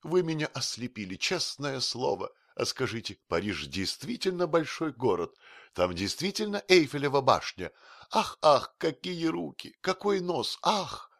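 A man voicing a fussy, excitable, fawning man who gushes in breathless exclamations. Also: low-pitched, a little slow, few pauses, husky, no room sound, studio quality, exaggerated voice. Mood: gushing.

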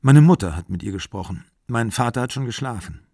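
A man reading an audiobook, voicing an agitated young woman in raised, excited bursts. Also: mid-range voice, brisk, husky, dry recording, studio quality. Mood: anxious.

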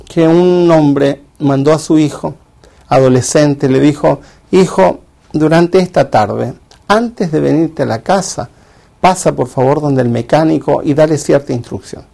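Gravelly-voiced man preaching a story. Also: fairly high pitch, a little slow, mellow. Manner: storytelling, acts out dialogue in a father-and-son tale.

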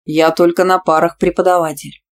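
A woman voicing a self-assured, domineering young male teacher who speaks calmly and growls at times. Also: lowish voice, fairly quick, natural voice. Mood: smug. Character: smug, pushy male teacher, calm and domineering.

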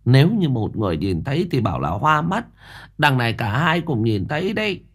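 A man's voice: medium pitch, big pitch swings, fairly quick, slightly rough, pitched above the performer's own voice. A man voicing an anxious, bossy older village woman who presses and urges. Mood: urgent. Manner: urgent, insistent.

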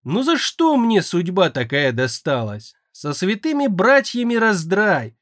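A man's voice: very animated, unhurried, fairly bright tone, dry recording, studio quality, full character voice. A man voicing a young male air mage who is frightened, tearful and pleading, in an audiobook. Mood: fearful pleading. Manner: pleading, shrill and anxious.

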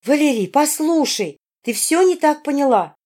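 Woman doing a scheming princess, reproachful, coaxing, lively pitch. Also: moderate pace. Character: scheming young princess, pleading and scolding. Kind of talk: audiobook character voice.

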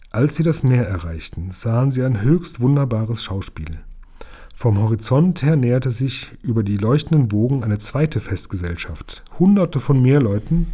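A man reading a children's book aloud in a calm, even storytelling voice. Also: mid-range voice. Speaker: reader.

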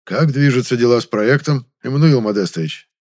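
A man voicing a loud, fawning middle-aged theatre director in an audiobook. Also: medium pitch, lively intonation, brisk, no echo, studio quality, voice pushed up, close to an everyday voice. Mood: gushing. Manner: loud, gushing, ingratiating.

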